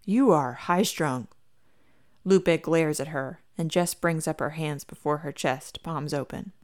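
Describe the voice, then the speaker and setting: A woman reading a fan fiction story aloud as a podfic, in an even, unhurried narration. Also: sits low. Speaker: podfic reader.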